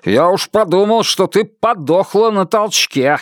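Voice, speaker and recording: A male reader voices a snarling, bullying middle-aged husband, pushing his voice well up into a high, expressive register that swings wildly as he barks orders. He shouts with mocking contempt at an unhurried pace. The recording is dry and close, with no room sound at all.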